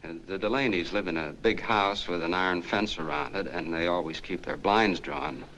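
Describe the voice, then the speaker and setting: A folksy, rambling soda jerk. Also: male voice, sits low, normal speed, fairly bright tone, a little hiss or hum, low-quality recording. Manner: folksy, rambling, chatty storytelling. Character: earnest small-town soda jerk, middle-aged man. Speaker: soda fountain clerk telling a story. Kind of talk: 1940s film acting.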